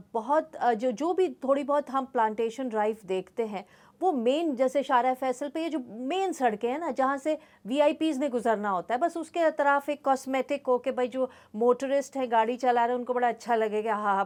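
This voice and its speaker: A woman with a Pakistani Urdu accent hosting an interview podcast, asking questions attentively and murmuring agreement. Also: high voice. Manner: attentive, steady affirming murmurs. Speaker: podcast host. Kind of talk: interview conversation.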